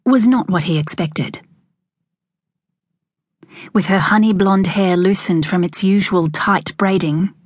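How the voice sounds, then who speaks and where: A woman narrating a historical novel in a measured, expressive reading. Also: lowish voice, no room sound, studio quality. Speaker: audiobook narrator. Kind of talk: scripted narration.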